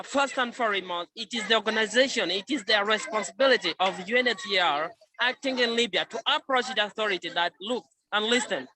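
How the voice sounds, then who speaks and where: A man from Sudan, speaking as a refugee spokesman at an outdoor protest, earnest and insistent. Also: sits high. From South Sudan. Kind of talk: press conference testimony over a call. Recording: crowd noise from an outdoor protest. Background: crowd.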